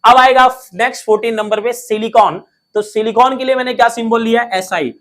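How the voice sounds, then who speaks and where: A man's voice: very high-pitched, fairly even intonation, brisk, fairly bright tone. A man teaching a lesson in a playful, coaxing way, asking questions and answering them himself. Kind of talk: classroom lesson, coaxing students.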